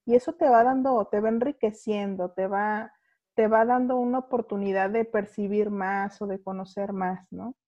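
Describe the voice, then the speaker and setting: Chatty Mexican woman host, mellow voice. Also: medium pitch, steady tone, moderate pace, lo-fi sound. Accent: Mexican, Guadalajara. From Guadalajara, Jalisco, Mexico. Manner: chatty, laughs often. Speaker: podcast host. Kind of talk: casual conversation.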